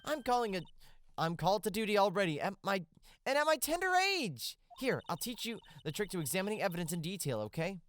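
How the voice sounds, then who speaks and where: An earnest, excitable young assistant who loves science, voiced by a woman. Her pitch bounces about animatedly. It is a fan-voiced game playthrough. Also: brisk, close to an everyday voice. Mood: eager. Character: eager young female science-minded assistant.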